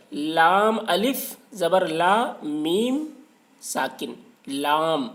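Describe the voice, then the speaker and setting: Man, high voice, recitation teacher, patient, repetitive, drawn-out letters. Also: a bit bright. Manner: explains patiently, repeats letters slowly and drawn out. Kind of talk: step-by-step tajweed lesson.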